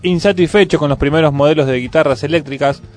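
A male radio presenter with an Argentine Rioplatense accent reads scripted news quickly, his voice on the high side with a darkish tone. A music bed plays underneath him.

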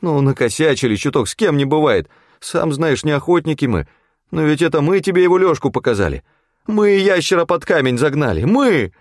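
A man's voice: on the high side, sing-song, brisk, dry recording, clean studio sound, pitched above the performer's own voice. A man doing a whiny, pleading junkie.

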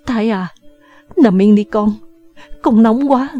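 Woman voicing a soft, worried mother. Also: fairly high pitch, unhurried, no echo, lo-fi sound, faint music behind. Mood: soothing. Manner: soft, soothing. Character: gentle worried middle-aged mother. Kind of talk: audiobook character voice.

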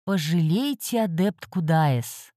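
A woman's voice: fairly low pitch, expressive, slow pace, warm tone, dry recording, studio quality. A woman voicing a stern, mocking male master of a magic academy in an audiobook. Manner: mocking, coolly ironic.

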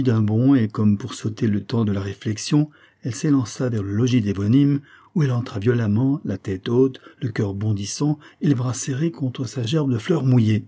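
A man narrating a novel as an audiobook in a measured, even reading manner. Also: medium pitch.

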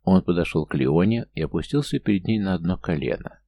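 A man narrating an audiobook in a steady storytelling manner. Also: sits low, fairly quick.

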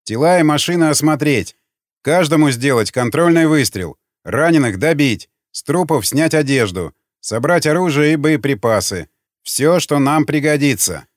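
A man's voice: a little high, expressive, normal speed, no echo, clean studio sound, lightly acted. A man voicing a ruthless raider commander who gives clipped, cold orders. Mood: commanding.

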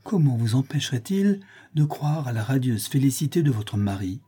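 A man reading an audiobook, voicing a gentle noblewoman who persuades with soothing words. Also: mid-range voice, sing-song, moderate pace, breathy edge. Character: gentle, comforting noblewoman stepmother.

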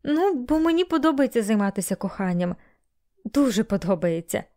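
A woman's voice: on the high side, big pitch swings, moderate pace, mellow. A woman reading an embarrassed young woman. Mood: earnest. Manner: hesitant, earnest.

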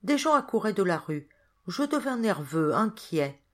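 A woman reading a first-person novel aloud as a volunteer audiobook narrator, with expressive storytelling. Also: mid-range voice, unhurried. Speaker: audiobook reader. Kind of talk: scripted narration.

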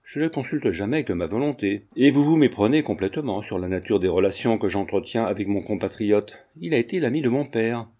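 A man reading the lines of a poised, sharp-tongued countess, cool and guarded. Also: lowish voice, lively intonation, a little fast, few pauses.

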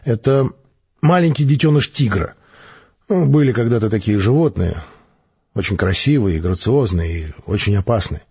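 Brief: gruff, dry-humoured soldier officer, read by a male narrator, husky and lowish, muffled audiobook sound. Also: expressive, normal speed, a little mellow, full character voice. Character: gruff dryly joking male space major.

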